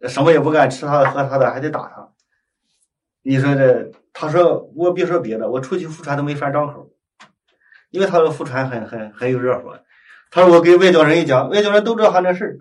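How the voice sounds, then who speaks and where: A man preaches in a storytelling way, slipping into the voices of the people in his tale and often asking his listeners for agreement. His voice sits a little higher than most men's. He is heard from some distance from the microphone. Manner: animated, acts out dialogue, frequent tag questions. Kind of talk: storytelling sermon.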